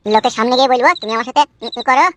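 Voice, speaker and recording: A woman's voice: on the high side, fairly even intonation, rapid-fire, slight background noise, lightly acted. A woman voicing a pushy, lovesick village man in a comedy cartoon, wheedling and crude.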